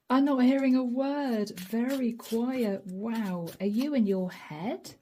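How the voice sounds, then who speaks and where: A middle-aged woman gives a channeled tarot reading, speaking softly and intimately and often sinking to a whisper. Her fairly high voice is a little hoarse after a long session, and she draws her words out. There's slight background noise.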